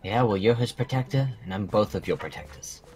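A man plays a dragon guardian, stern and protective, giving young fighters solemn, formal instruction in an improvised Minecraft fantasy roleplay with background music. His voice sits on the low side, darkish, with lively intonation and a brisk pace, lightly acted on poor audio.

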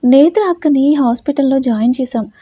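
A woman's voice: sits high, fairly quick, mellow, no room sound, clean studio sound, lightly acted. A woman voicing a timid, tearful young girl in a storybook reading.

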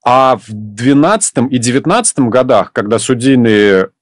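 A male news host asking measured, probing questions of a reporter. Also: mid-range voice, no room sound, clean studio sound.

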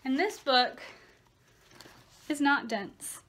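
A woman's voice: high-pitched, lively intonation, extremely slow, fairly bright tone. A woman, a part-time teacher, talking casually to camera in a candid, slightly rambling way, correcting herself as she goes. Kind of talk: casual vlog chat to camera. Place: home video studio.

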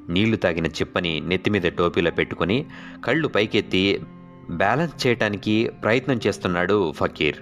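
A man narrating a horror story in a measured, steady way. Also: low-pitched. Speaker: audiobook narrator.

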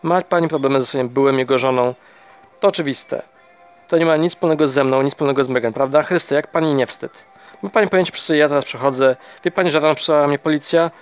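A man reading a novel aloud, voicing an angry, distraught young husband accused of his wife's murder, pitched up and pressing hard. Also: quick pace, faint music behind, lightly acted. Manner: heated, raised and pressing. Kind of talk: audiobook character voice.

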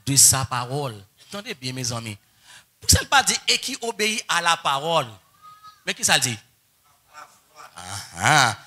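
A man preaching a sermon, moving between soft coaxing asides and shouted, sung-out exclamations. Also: medium pitch, husky. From Haiti. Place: church or conference hall.

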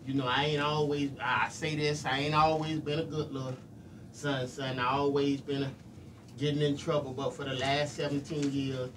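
A middle-aged man hosts a casual live radio show with shout-outs, his medium-pitched voice flat and moderately paced as he talks colloquially and earnestly, often repeating himself. He's in a small indoor radio studio, picked up by a distant room mic with plenty of noise.

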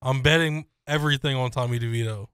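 A man's voice: medium pitch, fast, fairly bright tone, smooth, no echo. A man co-hosting a casual sports podcast in a small studio, ribbing his partner playfully and dramatically. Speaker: co-host. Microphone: studio mic on boom arm, headphones.

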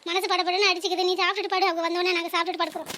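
A woman's voice: very high voice, flat delivery, rapid-fire, pushed and bright, a little hiss or hum. A woman voicing a fretful old mother. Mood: anxious. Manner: fretful, lamenting. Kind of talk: animated cartoon dialogue.

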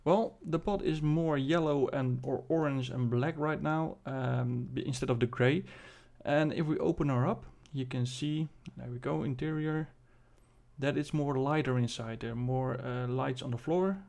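Halting male game showcase host, slightly creaky. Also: mid-range voice, darkish tone. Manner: halting, thinking aloud as he demonstrates. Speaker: video host presenting a game spaceship. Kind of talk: casual game showcase commentary.

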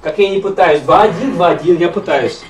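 This man's high voice moves fairly quickly, with a little hiss or hum in the audio. He's indoors by a TV, streaming a game and complaining in a casual, exasperated way. Loud game music and effects come through strongly on the distant mic.

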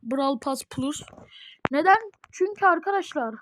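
High voiced girl narrating her game to viewers, chatty, gets all dramatic. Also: expressive, a little slow, a little hiss or hum. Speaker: gaming video host. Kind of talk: casual gameplay commentary. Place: at home.

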